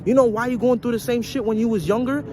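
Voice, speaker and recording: A man's voice: extremely high pitch, fairly even intonation, fast talker, noisy background. A young man giving a blunt, profane motivational rant to his viewers, repeating his points and preaching about intelligence and life lessons. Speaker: vlogger.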